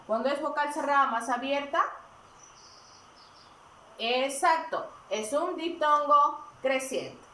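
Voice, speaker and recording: A woman teaching a recorded grammar lesson, asking questions and answering them herself in a deliberate, step-by-step way. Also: sits high, bright, forceful tone. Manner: slow and deliberate, asks and answers her own questions. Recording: echoey room, mic at a distance.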